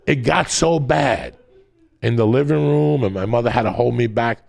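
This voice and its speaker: A middle-aged man spins wild stories in casual, profane podcast chat, rambling and often breaking into laughter. His voice is medium-pitched and a little mellow with vocal fry, at a moderate pace.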